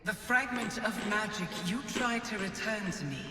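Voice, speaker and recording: A woman's voice: medium pitch, moderate pace. A woman voicing a solemn, commanding goddess of magic in a video game, with a stately goddess voice under a heavy otherworldly echo. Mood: stern, grave. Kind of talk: scripted video game dialogue. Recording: cavernous echo, long reverb, distant, noisy.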